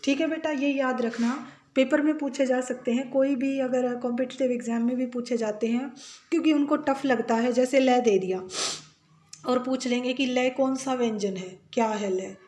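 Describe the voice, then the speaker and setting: A woman's voice: sits high, steady tone, normal speed, a little mellow. A woman teaching a grammar class, patiently repeating each point and calling her students "beta". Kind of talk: grammar lesson.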